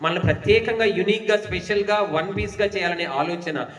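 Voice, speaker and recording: A man's voice: high-pitched, a little fast, fairly bright tone. A man preaching a sermon as pastor, asking the congregation questions and urging them to clap. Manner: rhetorical questions, urging claps. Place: church hall. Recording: echoey hall, distant mic.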